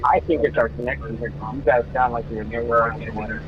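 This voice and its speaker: A man comes through a remote feed that sounds hollow and echoing, like he is standing in a tunnel. The line is dull and muffled, with a clear hiss of noise beneath him. He keeps it short and practical, just checking that the others can hear him. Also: medium pitch, steady tone, brisk. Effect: hollow echoing tunnel sound on a remote connection. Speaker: remote race reporter. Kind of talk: casual broadcast chat.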